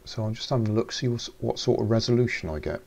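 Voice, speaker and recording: A man casually narrating a demonstration in a hesitant, low-key way, picked up on a boosted throat microphone. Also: fast, vocal fry, darkish tone. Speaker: hobbyist presenter. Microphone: throat microphone, volume boosted.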